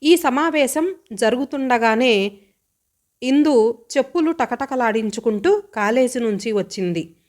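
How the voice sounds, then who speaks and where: Woman reading a story, slightly high voice. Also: lively intonation, a little slow, pauses often, a little mellow. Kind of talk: audiobook narration.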